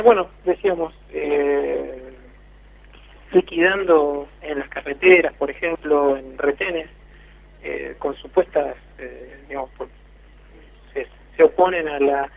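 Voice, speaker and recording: His voice is a little high, creaky, husky and a little mellow. This man, speaking with an Argentine Spanish accent, reports by phone for a radio interview in a hesitant way, full of fillers and restarts, and the line is tinny.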